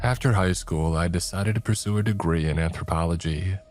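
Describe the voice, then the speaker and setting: A man telling a first-person horror story in a slow, hushed narrating voice. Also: sits low. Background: faint music.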